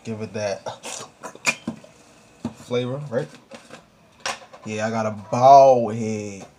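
A young American man, a home cooking vlogger, chats casually while demonstrating a dish in a small indoor home kitchen. His voice sits on the low side with fairly even intonation, and he draws out his words in a slangy, offhand way. The amateur camera recording is clearly noisy.

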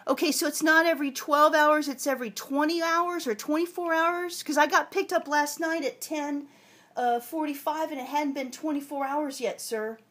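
A woman filming herself on a handheld phone outdoors in a parking lot, politely but persistently pressing for clear answers. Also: high voice, fairly even intonation, moderate pace, fairly bright tone. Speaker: towing victim filming her ordeal. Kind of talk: handheld phone vlog and phone call. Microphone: phone camera held in hand.

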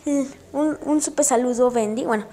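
High-voiced excitable gaming commentator woman. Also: normal speed, a little hiss or hum. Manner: excitable, with frequent yelps and exclamations; addresses viewers directly with shout-outs. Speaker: gaming channel host. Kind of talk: casual gameplay commentary.

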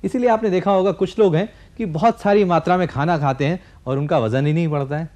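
Man, 40s, cooking show host, higher voice, step-by-step instructions, studio kitchen, clip-on mic. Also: fast talker, darkish tone. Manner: explains step by step, addresses viewers directly. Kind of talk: cooking demonstration.

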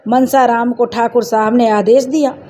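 A woman storyteller narrating a village family drama in a plain, steady storytelling manner. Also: on the high side, normal speed, a little hiss or hum.

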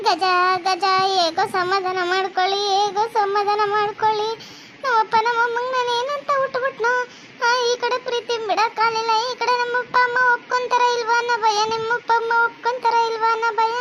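A very high, squeaky cartoon voice of a weepy young village bride, pleading in a North Karnataka accent. A faint hiss sits behind her, and her voice stays high and piping throughout. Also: flat delivery, brisk, fairly bright tone, poor audio. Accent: North Karnataka Kannada.

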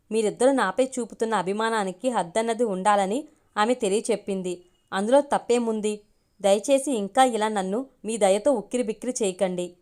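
Storybook figure: a gentle, sorrowful young woman, read by a woman, soft pleading. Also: medium pitch, close to an everyday voice.

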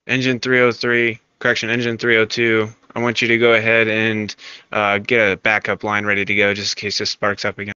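A man's voice: lowish voice, completely flat delivery, brisk, pushed and bright, clear, resonant tone. A male fire incident commander giving directive, procedural orders over a two-way emergency radio. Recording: dull lo-fi radio, faint static.

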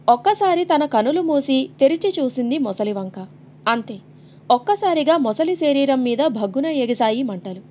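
High-voiced woman reading a novel dramatically. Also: lo-fi sound, slight background noise. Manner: dramatic, expressive storytelling. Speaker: audiobook narrator.

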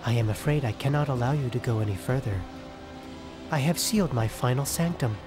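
An actor playing a calm, menacing evil computer villain in a game, speaking in a cold, measured, threatening way. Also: male voice, medium pitch, music in the background, natural voice. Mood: calm menace.

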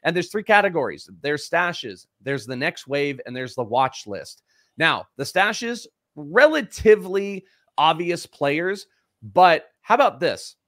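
A man chatting on a live fantasy baseball show as the prospect analyst, rattling off stats in quick conversational bursts. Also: fairly high pitch, lively intonation, fairly bright tone, dry recording, clean studio sound.

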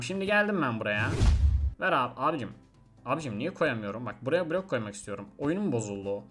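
Fast-talking young gaming host, excitable. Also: male voice, a little high. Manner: chatty, excitable, swears oaths, addresses viewers. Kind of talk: casual gameplay commentary.

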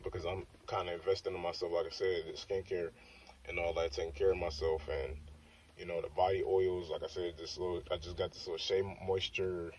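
A man's voice: sits low, little pitch movement, fairly quick, a little mellow, slight background noise. A young man in a parked car, talking casually to his phone on the dashboard in a loose, rambling way that keeps circling back with "like I said.". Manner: loose, rambling, repeats "like I said" and "you know what I'm saying". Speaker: fitness vlogger. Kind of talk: casual self-filmed talk. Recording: dull, slightly distant phone audio.

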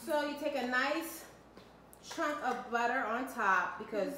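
Her tone is sharp and her pitch a little high as she speaks expressively at a measured pace. She's a woman in her thirties, a mom guiding her kids step by step through a home cooking demo in an upbeat way. The sound comes from a camera mic a few feet away in an echoey kitchen, with faint background noise.

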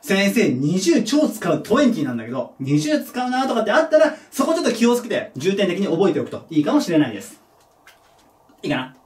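A man teaching a junior high English lesson at a board, patient and step-by-step, checking in with his students and joking about his own mistakes. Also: wildly swooping pitch, fast, darkish tone, recorded from a distance. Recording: echoey room, voice from off the mic.

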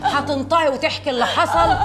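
A woman's voice: high voice, fast talker, over music, natural voice. A woman with an Egyptian Arabic accent playing a scornful woman who threatens and interrogates a girl. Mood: threatening.

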